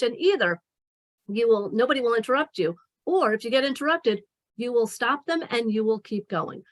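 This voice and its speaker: Animated New woman coaching. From New York. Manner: animated, emphatic, acts out examples with shifting pitch. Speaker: career coach. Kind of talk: webinar presentation. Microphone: video call.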